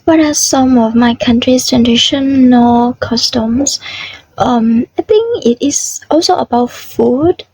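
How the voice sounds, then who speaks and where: A woman's voice: fairly high pitch, slow pace, darkish tone, breathy edge, no echo, rough recording. A woman in her twenties from Vietnam with a Vietnamese accent, sharing about herself in a hesitant way with many fillers. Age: 20s. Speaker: interviewee. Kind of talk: casual personal sharing.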